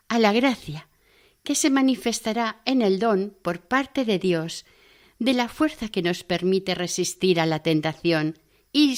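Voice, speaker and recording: A learned, patient teacher of prayer, read by a woman in a slow, low, reverent voice. He explains at an unhurried pace and stays calm and instructive throughout this spoken spiritual book.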